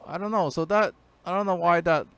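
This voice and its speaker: A man's voice: sits high, brisk, creaky, fairly bright tone, clean tone, no room sound. A man teaching a casual screen-share language lesson, hesitant, with many fillers and restarts.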